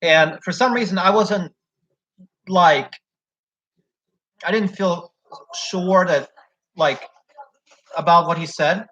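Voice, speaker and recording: In a high-pitched, bright, forceful voice, a young man talks slowly and pauses often as he casually retells a job situation in a long, rambling way full of "like" and "so." The speaker is a job applicant sharing a story, and the audio is dull and lo-fi.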